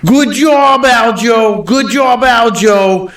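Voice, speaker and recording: A man putting on a loud New York accent as a shouting corner coach. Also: extremely high pitch, slow, roomy sound, recorded from a distance, pitched above the performer's own voice, full character voice. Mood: cheering.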